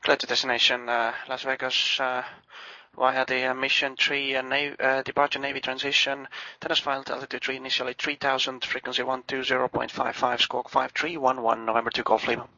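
A man makes pilot radio calls with a frying, forceful voice. His delivery is flat, courteous and procedural. The transmission is dull and band-limited. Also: medium pitch, a little fast, dry recording. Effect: aviation radio transmission. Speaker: business jet pilot. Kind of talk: radio requests and readbacks.

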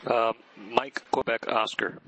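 A man's voice: mid-range voice, fairly even intonation, takes it slowly, pushed and bright. A man working as an air traffic controller, giving clipped, matter-of-fact procedural instructions over radio. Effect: aviation radio transmission. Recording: noisy radio link with clicks.

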